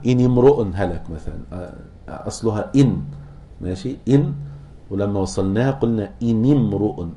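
A man teaching a class on Quran recitation, asking students questions, chanting verses slowly and restarting words as he explains. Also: on the low side, mellow, a little hiss or hum. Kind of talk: classroom lecture explaining a poem.

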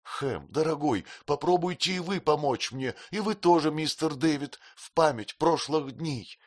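A man's voice: mid-range voice, big pitch swings, unhurried, fairly bright tone, pitched above the performer's own voice. A man reading an audiobook voices a tearful, childlike young woman who sobs and pleads. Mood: pleading. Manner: sobbing, pleading.

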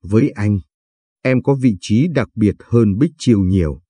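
A man's voice: on the low side, a little slow, dark tone, husky, no echo. Man reading as an eager, fretful young man. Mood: reassuring, fretful. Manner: earnest, worried and protective.

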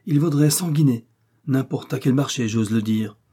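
A man's voice: medium pitch, moderate pace, mellow, breathy edge, pitched above the performer's own voice, lightly acted. A man reading the part of a wary young male stable hand who talks cautiously and chattily.

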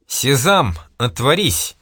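A stern aristocratic official, measured and commanding, as a male reader voices him. Firm questions, close and dry sound. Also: medium pitch, very animated, fairly bright tone, no echo.

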